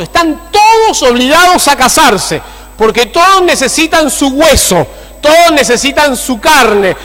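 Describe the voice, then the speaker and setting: High, bright-voiced pastor preaching. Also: male voice. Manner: animated, constantly asking the congregation for agreement. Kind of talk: sermon. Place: church. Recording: long church-hall reverb.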